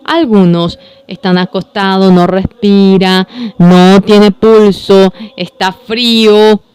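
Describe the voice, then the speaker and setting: A preacher interpreting a sermon, speaking in slow, repetitive phrases with frequent self-corrections. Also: mid-range voice, level tone, darkish tone, clear, resonant tone, no room sound.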